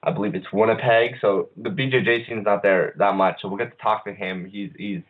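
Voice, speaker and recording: A man's voice: on the low side, fairly even intonation. A man hosting an online radio show, talking casually with lots of hesitations and restarts. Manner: halting, many uhs and restarts. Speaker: podcast host. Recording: phone-line quality audio.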